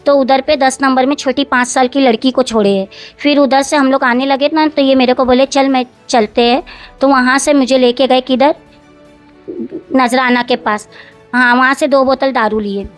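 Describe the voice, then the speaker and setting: A woman speaking gives a long account in an interview. Her voice sits high, and she circles back, repeats herself and quotes others word for word. Faint music plays behind her. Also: steady tone, normal speed. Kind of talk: recounting events in an interview.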